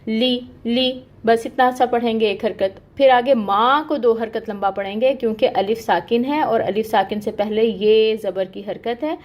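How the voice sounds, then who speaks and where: A woman's voice: a little high, fairly even intonation, moderate pace, hardly any pauses, darkish tone. A woman teaching Quran recitation in an online lesson. She explains patiently, step by step, checks in with "okay" and draws out the sounds she demonstrates.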